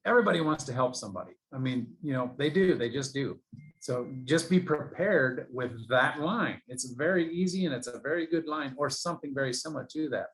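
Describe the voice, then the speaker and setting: A man's voice: a little high, expressive, fairly quick, a bit bright, rough recording. A man coaching real estate agents in a casual interview, rambling and enthusiastic with many fillers and restarts.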